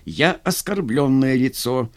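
A man's voice: mid-range voice, expressive, slow pace. A man voicing a cowardly young lieutenant who pleads and stammers. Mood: indignant.

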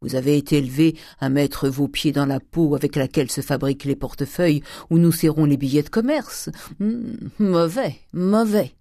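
A stingy old provincial miser speaks bluntly, drawing out his hums and grumbles, voiced by a man reading aloud. The tone is dark and mellow, and the sound is close and dry. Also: on the high side, fairly quick, few pauses, no echo, lightly acted. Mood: scolding.

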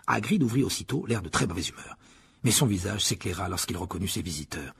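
Audiobook narrator, man, husky and expressive. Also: deep voice, quick pace. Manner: expressive, storytelling. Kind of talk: scripted narration.

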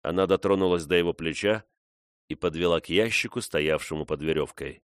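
A man reading a novel aloud in a measured, even way. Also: sits low, clean tone, no room sound, studio quality. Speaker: audiobook reader.

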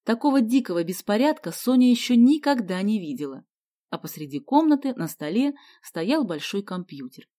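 A woman narrating a children's story in an expressive way. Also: medium pitch, normal speed. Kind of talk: audiobook narration.

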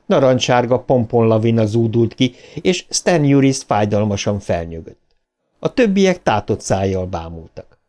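A man reading a horror novel aloud as an audiobook narrator, measured and dramatic. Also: mid-range voice, a little mellow. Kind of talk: scripted narration.

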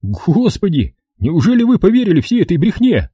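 A man's voice: sits high, wildly swooping pitch, moderate pace, warm tone, breathy edge, dry recording, dull audio, voice pushed up, exaggerated voice. A man voicing a cheeky young soldier who mocks and rattles on like a know-it-all. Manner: sly, mocking, rattles on.

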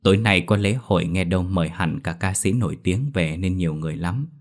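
A man narrating a ghost story in a brisk, lively reading. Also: low-pitched.

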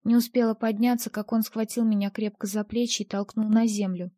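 Woman narrator, first-person audiobook, mellow voice, tense dramatic telling, dry close sound. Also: medium pitch, little pitch movement, brisk, no echo.

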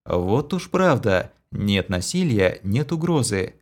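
A man reading a fantasy novel aloud as an audiobook narrator, dramatic and measured. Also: fairly low pitch, very animated.

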